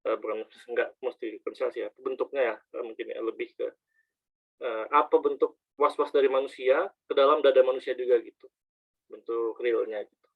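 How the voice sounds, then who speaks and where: A man's voice: medium pitch, fairly even intonation, brisk, creaky. A man asking a question in an online study session, hesitant and full of fillers. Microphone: video call. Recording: thin phone-like line.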